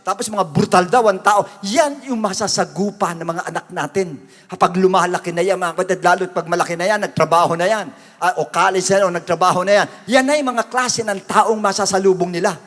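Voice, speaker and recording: Male pastor, high-pitched, emphatic repetitive sermon delivery, echoing hall. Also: brisk, a bit bright. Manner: emphatic preaching, repeats "brothers and sisters" often. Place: church. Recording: long reverb of a church hall.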